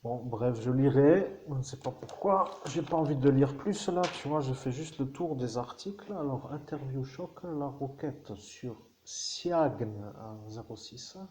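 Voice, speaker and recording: A man's voice: mid-range voice, expressive, a little slow, hardly any pauses, mellow, slight background noise. A man reading out tabloid crime stories and commenting in a rambling, hesitant way, with half-muttered asides.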